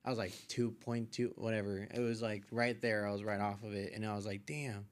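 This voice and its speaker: As a podcast guest, a man casually tells personal stories in a slangy, meandering fashion. His voice is on the low side, and he speaks briskly with a flat delivery.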